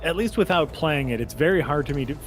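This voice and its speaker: A man's voice: fairly high pitch, expressive, fast talker. Jokey man chatting over noise. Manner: jokey, playful, laughs often. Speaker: co-host playing a video game. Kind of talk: casual gaming chat. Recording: noisy background.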